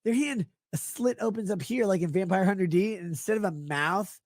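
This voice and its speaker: A man's voice: high voice, brisk, no room sound, clean studio sound. A drunk man ranting on a livestream in a rambling, profane way, jumping between tangents.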